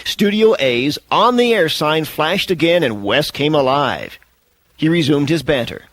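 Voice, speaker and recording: A man narrating an audiobook in a measured, expressive storytelling manner. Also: fairly high pitch, no echo, poor audio.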